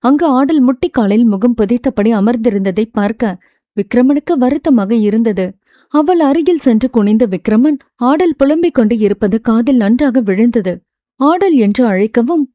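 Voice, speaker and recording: A woman narrating a novel as an audiobook narrator, with a steady storytelling delivery. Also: fairly high pitch, no echo, clean studio sound.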